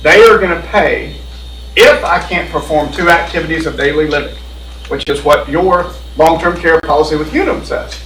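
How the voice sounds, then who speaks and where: This man, an insurance benefits presenter, walks a board meeting through its insurance options with a homey, explanatory style and plenty of repetition. He speaks on the high side at a moderate pace, his tone fairly bright. The audio carries a little hiss or hum, with room echo from a distant microphone.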